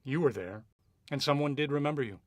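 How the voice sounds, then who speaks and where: In a noir radio drama, a man plays a shrewd, cynical, hard-boiled private investigator, narrating and questioning in a cool, probing mood. His mid-range, natural voice moves fairly quickly, with no room sound.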